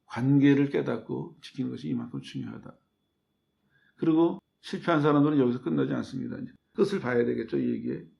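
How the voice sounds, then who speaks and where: A man's voice: medium pitch, expressive, fairly quick, gravelly, dull audio. A man, a pastor, preaching a sermon in a conversational way, asking the listeners questions and answering them himself. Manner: acts out quoted voices in his telling.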